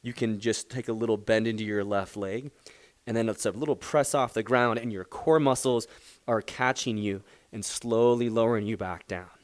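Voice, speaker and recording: A man teaching a power yoga class, giving calm, encouraging step-by-step cues and gentle praise. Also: lowish voice, moderate pace, no echo. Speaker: yoga instructor. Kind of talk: guided yoga class instruction.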